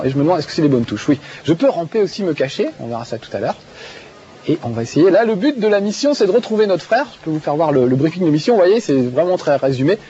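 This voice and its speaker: A male video game show host on TV laughs often and chats eagerly with many fillers while he plays. His slightly high voice is mellow, with a little hiss or hum in the dull broadcast audio, where faint music plays.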